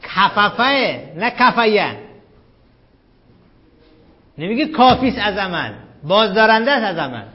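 A man with a fairly high voice teaches a grammar class, firing questions at his students and answering them himself. He recites the analysis of each word in a slow, chanting cadence. The recording is dull and lo-fi. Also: big pitch swings. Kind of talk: Arabic grammar lesson.

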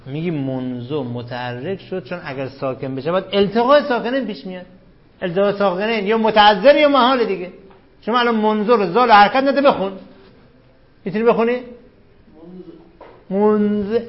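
A man teaching a grammar class, who keeps questioning his students and repeats the rules with emphasis. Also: sits high. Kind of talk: classroom lecture on Arabic grammar. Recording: dull lo-fi classroom recording.

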